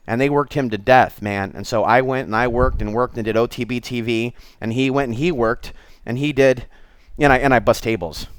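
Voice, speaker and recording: A middle-aged American man hosts his own online show, talking to viewers in a candid, confiding monologue that's unscripted and rambling as he drifts between thoughts. His voice sits in the mid range and sounds smooth, with a clean studio recording and no room sound.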